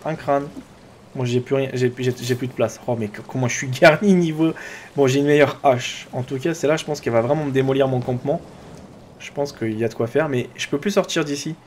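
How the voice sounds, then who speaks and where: A man with a French accent doing chatty, excitable let's play commentary, talking to his viewers and to his own character. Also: mid-range voice, fairly quick, a little hiss or hum. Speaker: gaming YouTuber.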